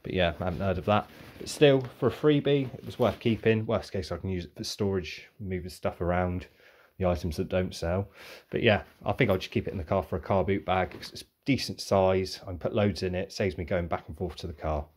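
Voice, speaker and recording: Speaking fairly quickly in a low, darkish voice, a young vlogger chats about his car boot sale bargains. He rambles and thinks out loud in an easygoing show-and-tell.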